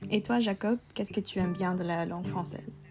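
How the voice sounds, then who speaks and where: A young woman from Vancouver, co-hosting a podcast in learner French and pausing often to search for words. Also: on the low side, music in the background. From Vancouver, Canada. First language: English. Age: young adult. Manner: hesitant, many "euh" fillers. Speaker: podcast co-host. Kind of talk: casual chat in learner French.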